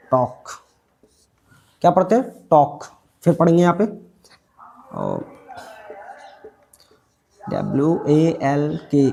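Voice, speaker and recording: In this English pronunciation lesson, the male teacher's voice is very high-pitched and slightly mellow. Each word gets repeated, then he quizzes himself on how it's read and gives the answer, drawing key sounds out slowly.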